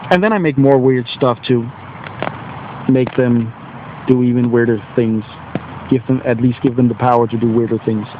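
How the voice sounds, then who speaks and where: With fairly even intonation and a moderate pace broken by frequent pauses, a medium-pitched man speaks with a Danish accent. The Denmark-born teacher and video blogger has a slight cold and sits on a wet bench in nature, rambling casually and self-deprecatingly as he searches for English words. The audio is phone-quality with background noise.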